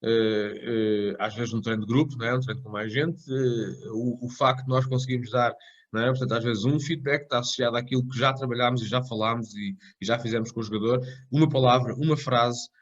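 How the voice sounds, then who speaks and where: A man's voice: medium pitch, steady tone, brisk. A man lecturing on a coaching course, rambling with frequent tag questions and restarts. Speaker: tennis coach educator. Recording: dull lo-fi recording.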